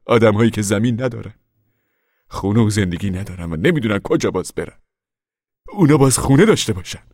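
A soft-spoken, reflective wandering preacher in a radio play. He talks quietly and thoughtfully in a lowish voice. The studio sound is dry and close. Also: lively intonation, no echo. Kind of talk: radio drama acting.

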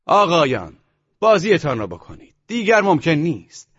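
A courteous male croupier, voiced by a man, calling out to the table in a raised but formal tone. His voice sits somewhat higher than a normal speaking voice. The recording is dull and muffled. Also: sing-song, no echo. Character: polite male casino croupier.

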